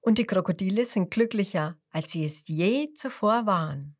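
A woman reading a children's story aloud to a child, slow and expressive, sometimes dropping to a whisper. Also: medium pitch, breathy edge.

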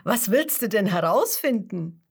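A woman's voice: mid-range voice, big pitch swings, a little slow, gravelly, breathy edge, full character voice. A woman voicing a friendly, chatty chameleon.

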